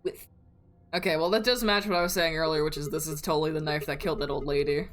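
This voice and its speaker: A woman streamer giving casual, excitable commentary while playing a game, laughing and swearing often. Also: low-pitched, rapid-fire. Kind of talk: casual let's-play commentary.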